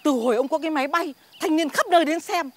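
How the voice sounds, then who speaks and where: A woman's voice: high-pitched, quick pace, slight background noise, close to an everyday voice. A woman playing a gossipy village tea-stall seller. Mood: gossiping. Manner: chatty, gossiping.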